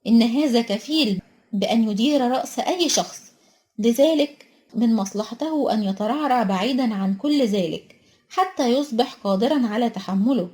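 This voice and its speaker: A wise old wizard headmaster speaks in a calm, measured storybook voice, as a woman reader puts him on. His manner is serious and unhurried. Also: on the high side, lightly acted. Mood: grave. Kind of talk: storybook reading.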